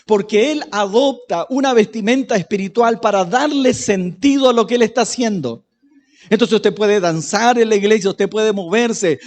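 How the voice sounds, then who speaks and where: A man preaching a sermon as pastor, chatty, often turning questions to the congregation. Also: sits high. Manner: conversational, asks the congregation questions, varies loudness. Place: church. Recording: echoey church hall.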